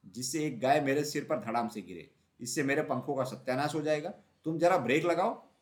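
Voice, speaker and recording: Storybook crow, male, fussy and loud, played by the reader, nervous and bossy. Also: mid-range voice, fairly quick, lightly acted. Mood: agitated. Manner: loud, shouting and scolding.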